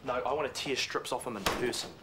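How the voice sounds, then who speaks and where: An actor plays an indignant but conciliatory young flatmate in a TV soap. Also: male voice, medium pitch, fast, background noise, lightly acted. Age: 20s. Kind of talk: naturalistic TV soap acting.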